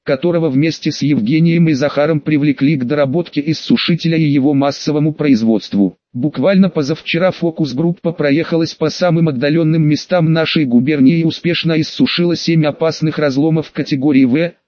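A man narrating an audiobook in the first person with an even storytelling delivery. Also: fairly high pitch, a little fast, hardly any pauses, no echo, lo-fi sound.

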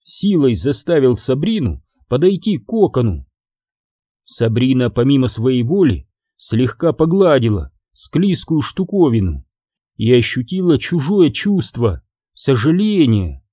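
Male narrator for a children's audiobook, measured and animated, dry close sound. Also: medium pitch, breathy edge, dry recording. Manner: measured storytelling.

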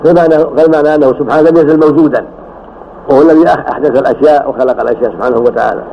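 An older man teaching as a sheikh, explaining a creed text slowly and correcting his student's reading with frequent "yes". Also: fairly high pitch, steady tone, creaky. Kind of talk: classroom commentary on a text. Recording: dull old recording with faint hiss.

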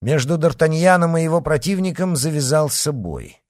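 A man reading a novel aloud with expressive, theatrical narration. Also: fairly high pitch, moderate pace, no echo, studio quality. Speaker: audiobook narrator.

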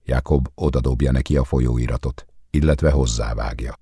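A man calmly reading literary fiction aloud as an audiobook narrator, measured and even. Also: extremely low pitch, breathy edge, no echo, studio quality. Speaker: audiobook reader.

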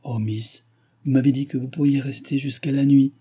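A man's voice: medium pitch, a little fast, dark tone, husky, natural voice. A man reading an audiobook, voicing a talkative, grateful old cottager woman with an effusive, pleading manner. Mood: fussing.

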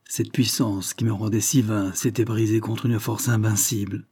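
A man giving a solemn, measured, expressive dramatic reading of a literary text. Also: lowish voice, breathy edge. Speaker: reader.

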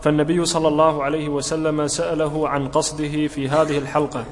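Man reading aloud in a flat, high voice. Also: fast. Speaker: student reading the text aloud. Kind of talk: reading a religious text aloud. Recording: long hall reverb with faint background noise.

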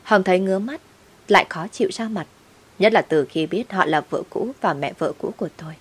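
Low-voiced woman narrating a story. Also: fairly quick, slightly rough. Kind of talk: first-person story narration.

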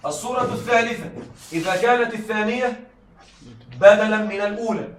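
A man speaking high and brisk leads a classroom rhetoric lesson, regularly checking comprehension and repeating examples. It's recorded from a distance in an echoing room, with some faint noise.

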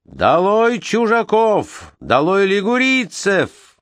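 A man voicing an angry crowd of thirsty sailors shouting demands in a storybook reading. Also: high-pitched, wildly swooping pitch, takes it slowly, no room sound, studio quality, voice pushed up, heavily acted. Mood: furious.

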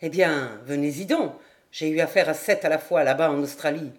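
A woman voicing a drunken, raging sailor with a raspy, slurred voice, for an audiobook. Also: on the high side, moderate pace, voice pushed down, lightly acted. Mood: boastful. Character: drunken raging sailor back from abroad, boastful.

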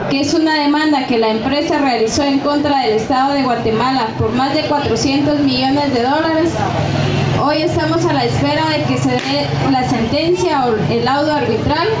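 A woman, a community activist, calmly explaining her situation in a field interview. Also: sits high, noisy background. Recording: echoey, distant, dull sound with crowd.

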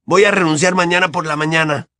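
A gloomy teenage boy sunk in guilt and mumbling his words, as a male narrator voices him. He sits somewhat above the narrator's own pitch and sounds dry and close. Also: steady tone, fast talker, bright, forceful tone, dry recording. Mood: glum. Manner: mumbling, miserable. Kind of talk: audiobook character voice.

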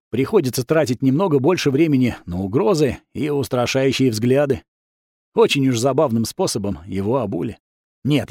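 A man's voice: mid-range voice, creaky, darkish tone, no echo, clean studio sound. A man narrating a first-person fantasy audiobook in a wry, sardonic manner.

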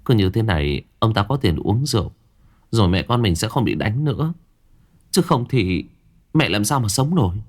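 A man's voice: lowish voice, very animated, normal speed. A man doing a hesitant worried teenage son.

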